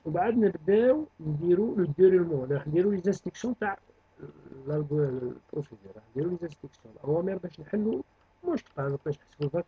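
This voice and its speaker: Fast, husky man. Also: fairly high pitch, expressive, no echo, dull audio. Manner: mixes French terms into Arabic speech. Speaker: teacher. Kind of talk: programming lesson review.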